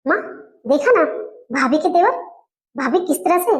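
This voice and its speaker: Woman doing a spoiled whiny nanad, really high voice, tattling, comedy skit. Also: expressive, normal speed. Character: spoiled complaining sister-in-law.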